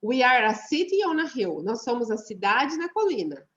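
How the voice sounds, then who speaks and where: A woman with a fairly high voice teaches an online English class. She explains patiently and slowly repeats words to model their pronunciation. The audio is dull and lo-fi. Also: very animated.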